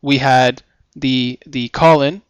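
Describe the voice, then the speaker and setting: A man's voice: mid-range voice, fairly even intonation, slow pace, clean tone, no room sound, rough recording. A man co-hosting a casual podcast-style radio show, talking in a laid-back, rambling, joking way.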